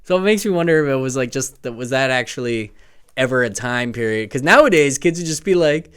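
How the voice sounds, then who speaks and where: Podcast co-host, male, animated and smooth-voiced, mimics characters. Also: a little fast. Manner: animated, swearing, acts out movie lines in high voices. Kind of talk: casual movie chat.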